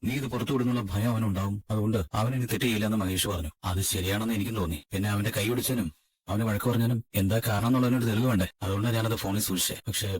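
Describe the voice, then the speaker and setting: A man dubbing an earnest, worried elder brother figure who talks fast and persuasively. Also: fairly low pitch, fairly even intonation, breathy edge. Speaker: dub voice actor. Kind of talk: fan dub of a TV serial.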